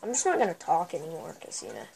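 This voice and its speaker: A woman with a girlish voice giving excitable, trash-talking commentary while playing a shooter game. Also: deep voice, fast talker, creaky. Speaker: gameplay commentator. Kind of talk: casual gameplay commentary. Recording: noisy recording with steady hiss.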